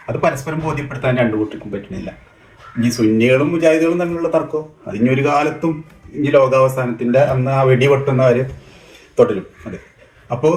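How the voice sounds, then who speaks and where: A man talks at a fast clip and mocks the claims he takes apart, his tone sarcastic throughout. His voice sits in the middle range. The recording carries a noticeable room echo. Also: medium pitch, darkish tone. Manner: sarcastic, mocking. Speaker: rationalist commentator. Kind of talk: critical commentary.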